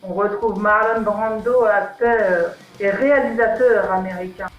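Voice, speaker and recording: A woman gives a chatty voice-over and corrects her slips as she talks. Her voice sits at a middle pitch and sounds set back from the mic. The room is echoey, with faint music underneath. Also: fairly even intonation, unhurried, distant mic, muffled recording. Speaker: fashion history vlogger. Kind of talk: voice-over narration.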